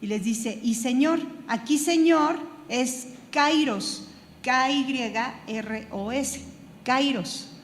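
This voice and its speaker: Female Bible teacher, slightly high voice, hesitant delivery with many restarts, long reverb and faint room noise. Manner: halting, repeats words while searching for them; spells out terms letter by letter. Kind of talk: Bible study lecture. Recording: echoey hall with room noise.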